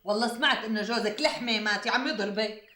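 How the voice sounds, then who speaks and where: Brief: high, bright Damascene gossip, fast and mocking, roomy set. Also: female voice. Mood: taunting. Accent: Damascene Arabic. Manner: taunting, quick, biting. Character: sharp-tongued gossiping woman, provocative and mocking. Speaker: hostess of a women's gathering. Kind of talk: TV drama acting.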